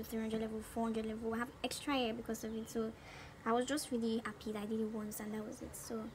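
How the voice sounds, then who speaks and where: A woman's voice: on the high side, a little mellow. A woman in her twenties with a Nigerian accent, chatting casually and animatedly as a beauty vlogger. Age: 20s. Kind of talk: casual chat during a makeup tutorial. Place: small room at home. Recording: noticeable background noise.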